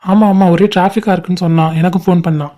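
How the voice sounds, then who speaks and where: A woman's voice: lowish voice, steady tone, rapid-fire, mellow, pitched below the performer's own voice, close to an everyday voice. A woman doing an earnest cartoon father. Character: middle-aged father at a family wedding.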